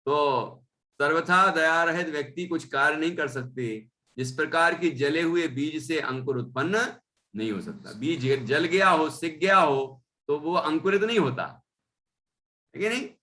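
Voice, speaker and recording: A man's voice: fairly high pitch, a little slow, sharp tone. A man teaching a Jain scripture class, reading a verse and then explaining it, often adding "है ना?". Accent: Indian Hindi. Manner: reads a verse, then explains with tag questions.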